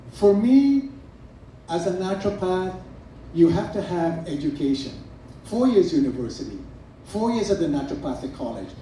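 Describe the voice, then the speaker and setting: A middle-aged naturopath from Trinidad and Tobago speaks at a product event, giving an earnest, emphatic promotional talk to a live audience and listing items one by one. His voice is fairly high with a dark tone, recorded from afar in an echoey room with faint noise.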